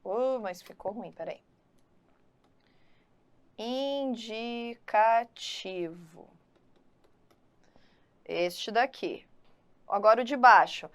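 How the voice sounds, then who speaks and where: A woman teaching a grammar lesson, talking straight to the student with quick asides. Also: on the high side, clean tone. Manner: lively, talks to the student directly, quick asides. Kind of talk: online exam-prep grammar lesson.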